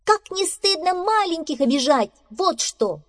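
A woman's voice: very high voice, very animated, measured pace, voice pushed up, full character voice. A woman voicing a cowardly, sulky male badger in a storybook, mumbling and grumbling.

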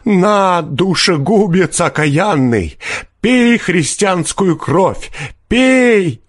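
A man's voice: high voice, big pitch swings, drawn-out words, dry recording, clean studio sound, pitched above the performer's own voice, heavily acted. A man reading an audiobook, voicing a desperate poor peasant who shrieks wild accusations. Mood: frantic rage.

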